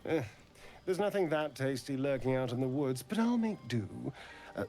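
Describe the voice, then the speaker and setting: An actor voicing a centuries-old vampire elf from a video game, who talks in a silky, theatrical way. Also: male voice, mid-range voice, sing-song, moderate pace, darkish tone, faint music behind, natural voice.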